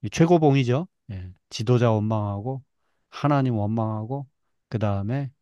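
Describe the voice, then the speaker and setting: A middle-aged man teaching a Bible class, retelling scripture in a lively way and acting out the people's complaints. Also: mid-range voice, moderate pace, smooth, no echo, muffled recording.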